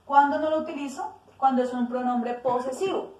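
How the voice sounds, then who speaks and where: A woman's voice: high voice, normal speed, a little mellow. A woman teacher explaining a grammar lesson step by step, correcting herself and acting out example phrases. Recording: roomy echo, distant from mic.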